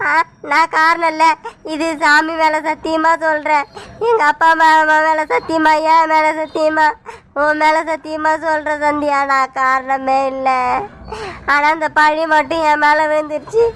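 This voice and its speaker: A woman's voice: high-pitched, flat delivery, a little slow, fairly bright tone. A woman with a Tamil accent voicing a desperate young man in a cartoon, pleading tearfully. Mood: distressed.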